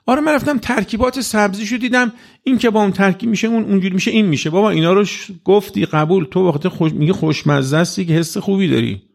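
Gravelly-voiced man giving a lively religious talk. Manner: conversational, acts out quoted dialogue with rising pitch. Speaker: religious lecturer. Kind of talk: informal religious talk to an audience.

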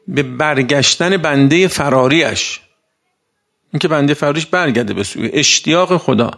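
A man delivers a conversational sermon in colloquial language, slowing down for emphasis and posing rhetorical questions to his listeners. His mid-range voice is creaky and a bit bright.

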